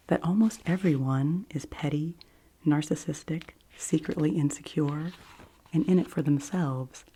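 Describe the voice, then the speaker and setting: A woman giving a whispered ASMR book review and reading in a soft library whisper, gentle and deliberate, with long pauses. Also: low-pitched, breathy edge. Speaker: ASMR host.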